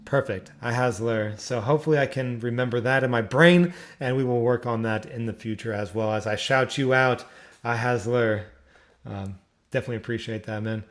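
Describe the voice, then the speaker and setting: A man's voice: mid-range voice, normal speed. A young man from Philadelphia with a Philly accent hosts a casual online community Q&A, rambling with restarts and fillers. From Philadelphia, Pennsylvania. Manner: rambling, repeats words, lots of fillers. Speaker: community AMA host. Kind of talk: casual community livestream talk.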